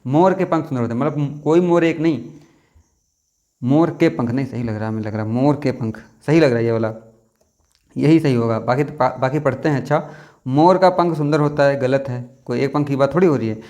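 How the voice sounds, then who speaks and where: A young man teaching a spelling lesson for an exam, thinking out loud, repeating words and correcting himself, and stretching words out slowly as he spells them. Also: medium pitch.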